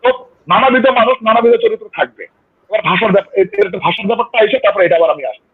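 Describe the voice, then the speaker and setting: A man with an Old Dhaka Bengali accent argues his point in a heated panel debate, pushing through interruptions. His voice sits high and husky and comes fast. It arrives over a tinny, phone-like line. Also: expressive. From Bangladesh. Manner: insistent, talks over interruptions, stammering restarts. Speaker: guest.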